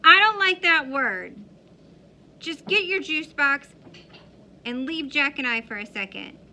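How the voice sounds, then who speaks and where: Lady reading a stern mom scolding her boys, bright sharp voice with a bit of gravel. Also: sits high, animated, a little slow, slight background noise, voice pushed up, heavily acted. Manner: scolding, earnest. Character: stern caring mother of two boys.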